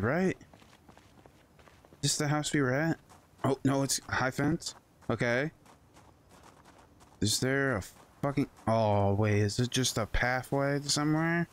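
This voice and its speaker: A young man giving casual, profane commentary while playing, talking to himself, swearing often and breaking into yelps of panic. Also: medium pitch. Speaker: gaming YouTuber. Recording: game music behind the voice. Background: game music.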